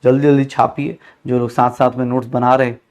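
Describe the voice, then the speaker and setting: A man's voice: mid-range voice, flat delivery, fast, darkish tone. A man giving an online chemistry lecture, mixing English terms into Hindi, calling students beta and bhaiya, and repeating each question to the class before he answers it. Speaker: chemistry teacher.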